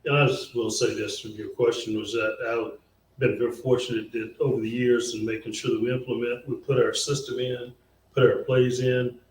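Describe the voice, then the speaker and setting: Flat-voiced coach in an echoey hall. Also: male voice, mid-range voice, moderate pace. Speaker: college basketball coach, panel speaker. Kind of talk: answering a panel question. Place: conference hall. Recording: echoey hall from a distance, faint background hum.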